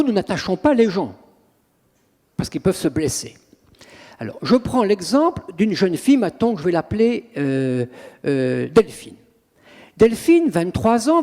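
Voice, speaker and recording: A priest and exorcist in an interview, telling stories in an animated, dramatic way with acted quotes. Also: male voice, high-pitched. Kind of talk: interview storytelling. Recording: long reverb, echoey room.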